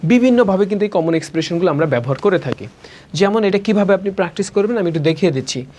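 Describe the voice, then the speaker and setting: A woman from Bangladesh with a Bangladeshi accent, teaching a spoken English class and slowly repeating each word to drill pronunciation. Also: on the low side, animated, dark tone, slight background noise. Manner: slow, drawn-out drilling of words, repeating each several times.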